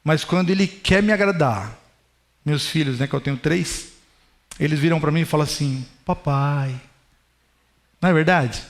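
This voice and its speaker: A pastor in his thirties preaches in a high, light voice. He talks to the congregation as if chatting with them, asking them questions along the way. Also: normal speed. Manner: conversational preaching, addresses the congregation directly. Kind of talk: sermon.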